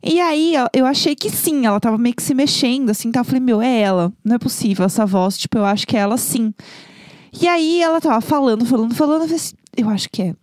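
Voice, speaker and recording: A woman, co-hosting a casual chat podcast and telling a story in an animated, dramatic way. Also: a little high, fast talker, dry recording, studio quality. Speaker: podcast co-host.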